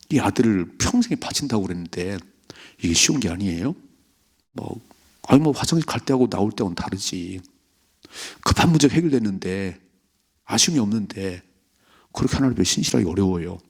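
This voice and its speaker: Husky-voiced man preaching a sermon. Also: lowish voice. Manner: animated preaching, acting out biblical figures' voices; reads scripture aloud slowly. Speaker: pastor. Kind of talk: early-morning prayer sermon. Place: church sanctuary.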